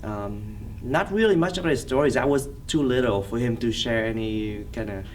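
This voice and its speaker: In an oral history interview, a man in his thirties from Vietnam, a native Vietnamese speaker with a Vietnamese accent, answers questions at a medium pitch. His recollections come out hesitant and halting, with frequent pauses while he searches for words. The recording has a somewhat distant mic and faint background noise.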